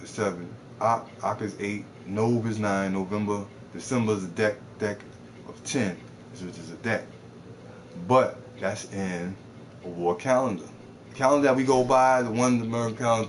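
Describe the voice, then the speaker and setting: A man's voice: on the low side, slight background noise. A man live streaming a game who rants off the cuff, cursing, repeating himself and mocking others in put-on voices. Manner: rambling, profane, repeats words, mocks others in put-on voices. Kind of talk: off-the-cuff rant while gaming.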